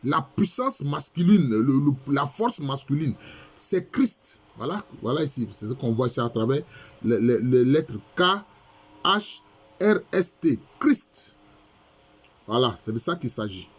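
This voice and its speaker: With a mid-range, animated voice carrying a breathy edge, a male professor lectures on Egyptian texts at a measured pace. He reads passages aloud, explains them, and often asks questions only to answer them himself.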